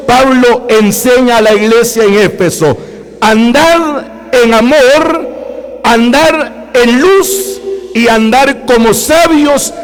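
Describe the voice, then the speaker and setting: A man with a Guatemalan Spanish accent delivers a sermon at a slow, deliberate pace, hammering the same phrases again and again. His voice sits high for a man and keeps calling out to the congregation. A long reverb from the church hall trails after every phrase. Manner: emphatic, repeats phrases, often addresses brothers and sisters. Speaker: preacher.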